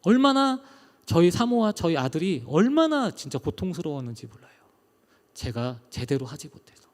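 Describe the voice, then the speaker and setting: A man's voice: a little high, very animated, moderate pace. Emotional male pastor in a reverberant hall. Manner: emotional, rising and falling delivery. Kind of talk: testimony sermon.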